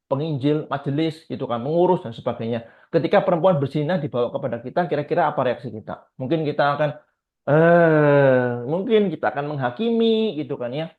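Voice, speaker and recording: A man preaching a conversational sermon, asking his listeners rhetorical questions and often tagging his sentences with short fillers. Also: a little high. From Indonesia. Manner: asks rhetorical questions, frequent filler tags. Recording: tinny phone-like audio.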